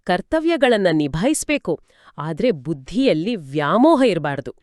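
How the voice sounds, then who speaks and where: A woman co-hosts a scripted spiritual discussion with a calm, explanatory delivery. Her pitch moves lively through each phrase, and the recording is dry and close. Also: normal speed, no room sound. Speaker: podcast co-host.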